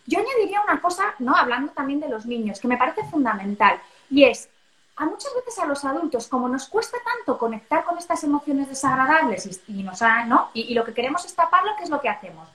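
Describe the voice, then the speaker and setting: A woman's voice: high-pitched, very animated, fast, a bit bright, roomy sound, poor audio. A woman talking casually and with animation about raising children, acting out parents' voices now and then. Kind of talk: casual conversation.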